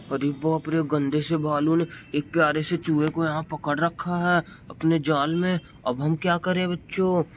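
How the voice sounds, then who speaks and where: Excited man narrating toy play for kids. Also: a little high, slight background noise. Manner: excited, addresses children directly. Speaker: children's channel host.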